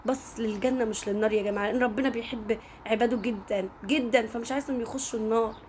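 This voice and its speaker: A woman's voice: a little high, steady tone, rapid-fire, darkish tone, a little hiss or hum. A woman with an Egyptian accent telling a story in a casual, chatty way, often turning to speak directly to her listeners. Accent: Egyptian Arabic.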